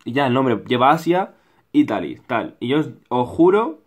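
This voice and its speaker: A man's voice: mid-range voice, big pitch swings, normal speed. A young man with a Spain Spanish accent, ranting to camera in his bedroom in a blunt, mocking vlog style full of swearing. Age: young adult. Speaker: YouTuber. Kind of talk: casual critical rant to camera. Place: small bedroom indoors.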